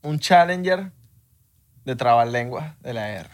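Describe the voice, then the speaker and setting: A man's voice: mid-range voice, animated, a little slow, no echo. A young man co-hosting a podcast, talking in playful, laid-back casual chat. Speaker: podcast co-host.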